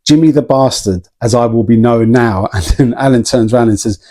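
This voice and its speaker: A man's voice: mid-range voice, brisk, dark tone. A man in a casual vlog, chatting and telling a story with plenty of ums and small laughs. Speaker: vlogger.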